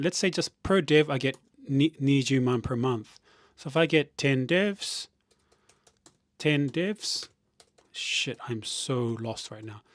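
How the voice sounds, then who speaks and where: A man of middle pitch rambles through a casual live stream, reading out viewer comments and restarting his sentences often. The sound is dry and close, with keyboard typing now and then behind him. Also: dry recording. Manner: rambling, thinking out loud with restarts; reads viewer comments aloud.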